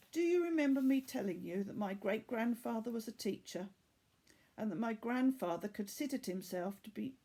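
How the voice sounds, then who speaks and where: A woman reads from a storybook in the role of a weary, earnest boy from Bangladesh, recounting his story in a measured way. Her mid-range voice has a dark tone and a regretful mood.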